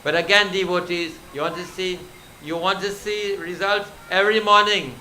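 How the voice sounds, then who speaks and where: A man's voice: sits high, steady tone, normal speed, pushed and bright, slight background noise, rough recording. A male pundit preaching a devotional sermon, telling scripture stories and exhorting the devotees. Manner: exhorting, storytelling, addresses devotees.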